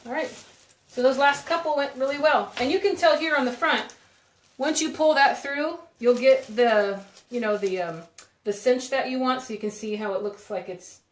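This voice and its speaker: A woman's voice: mid-range voice, echoey room, slight background noise. A woman hosting a live crafting demo from her home craft room, chatting and rambling with viewers as she works with her hands. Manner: chatty, rambling, giggly, talks while working with her hands. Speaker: craft video host.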